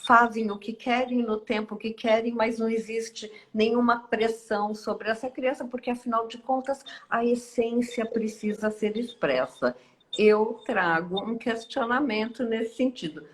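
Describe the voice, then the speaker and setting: A woman, hosting a reflective live online talk in a slow, musing way with many hesitations and tag questions. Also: a little high, poor audio. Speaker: host.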